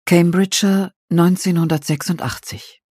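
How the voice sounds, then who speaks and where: A man narrating a novel in the first person, in a measured, suspenseful reading. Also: high-pitched, steady tone, darkish tone, husky, dry recording, clean studio sound. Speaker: audiobook narrator.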